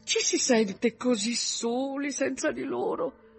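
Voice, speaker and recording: A man reading aloud, voicing a fussy, high-strung middle-aged mother in a plaintive way. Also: fairly even intonation, slow pace, gravelly, husky, heavily acted.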